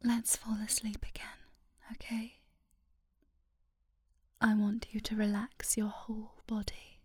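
A woman whispering a soft, affectionate, sleepy ASMR girlfriend roleplay into a close microphone. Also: on the high side, monotone, slightly rough, dry recording. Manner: slow and soothing, sleepy.

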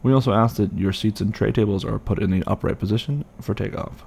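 A man's voice: lowish voice, quick pace, creaky, a little mellow, slight background noise. A man playing an airline pilot, giving a formal, practised flight attendant style announcement to passengers. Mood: formal, courteous. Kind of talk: scripted airline cabin announcement.

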